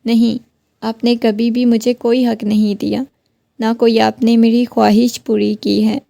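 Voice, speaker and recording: A woman's voice: fairly high pitch, flat delivery, creaky, mellow, no room sound. A woman voicing a heartbroken young wife who keeps pleading with her husband. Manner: pleading, questioning.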